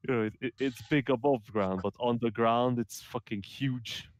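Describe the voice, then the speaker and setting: A man playing a tabletop game over voice chat, chatty and quick with casual swearing. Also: medium pitch. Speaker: player. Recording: faint background noise.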